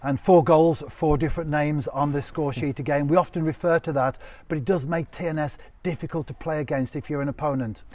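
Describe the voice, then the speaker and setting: A man's voice: a little high, fairly even intonation, brisk, hardly any pauses, a little mellow, no room sound. Man asking formal post-match questions. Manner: scripted, formal lead-ins to questions. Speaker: club media interviewer.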